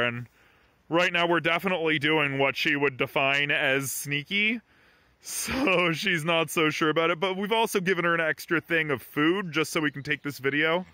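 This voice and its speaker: A man's voice: fairly high pitch, pushed and bright, no echo. A man casually narrating a farm vlog from behind the camera outdoors, chatty and rambling. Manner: chatty, rambling, affectionate toward the animal. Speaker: farm vlogger.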